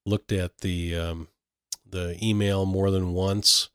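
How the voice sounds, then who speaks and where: Deep-voiced man hosting a chatty tech show. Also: flat delivery, takes it slowly, a bit bright, clean tone, no echo, clean studio sound. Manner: chatty, many fillers and restarts. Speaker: podcast host. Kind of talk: casual tech chat.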